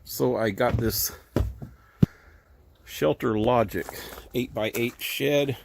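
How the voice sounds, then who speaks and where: This handheld-camera clip features a hobby woodworker touring his tiny workshop outdoors at a tree-lined RV park, talking in a loose, chatty way with many ums and restarts. His mid-range voice is gravelly and extremely slow, and he's a bit out of breath. Background noise can be heard.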